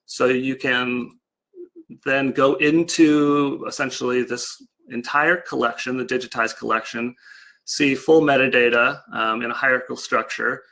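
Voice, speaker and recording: In a bright, forceful mid-range voice with fairly even intonation, a man presents his project at a measured pace. His online slide presentation is informal and loosely improvised, explained casually.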